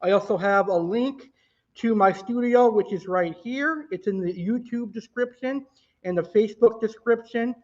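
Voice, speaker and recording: A man's voice: sits high, normal speed, a little mellow. A man hosting a livestream in an upbeat, gushing, enthusiastic way. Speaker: live show host. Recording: slightly dull, lo-fi livestream audio.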